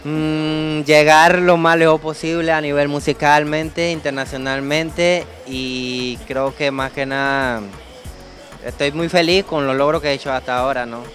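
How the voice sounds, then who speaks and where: A man from Panama, a singer, answering interview questions in a relaxed way in a café. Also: a little high, unhurried, faint music behind. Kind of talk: casual interview. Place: crêpe café.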